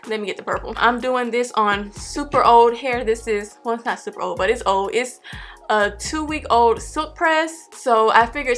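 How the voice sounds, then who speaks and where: Casting: female beauty vlogger, somewhat high voice, lisping slightly around dental aligners, casual and chatty, faint music underneath. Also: fairly bright tone. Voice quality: slight lisp from wearing clear dental aligners. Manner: informal, chatty, talking to viewers as friends. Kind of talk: casual chatty hair tutorial to camera. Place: carpeted bedroom, indoors.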